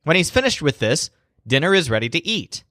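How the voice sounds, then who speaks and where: A man teaching a language lesson, telling a mnemonic story in animated scripted narration and spelling words out. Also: on the high side, brisk, no room sound, studio quality.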